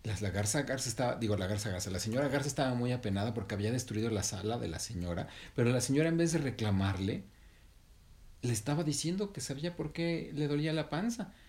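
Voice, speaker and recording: Gentle man telling a bedtime story. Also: medium pitch, expressive. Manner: gentle, unhurried, self-correcting. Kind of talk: improvised storytelling to a child.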